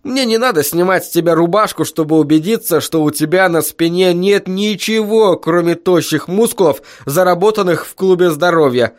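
A man doing a loud mocking road foreman. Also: high-pitched, moderate pace, few pauses, pitched above the performer's own voice, close to an everyday voice. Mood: lecturing. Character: big sunburnt jeering male road foreman. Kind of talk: audiobook character voice.

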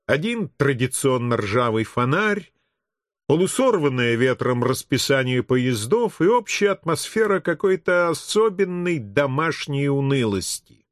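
A man narrates an audiobook with expressive, measured delivery. His pitch moves freely over a wide range. The close studio recording is dry, with no room sound. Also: no room sound.

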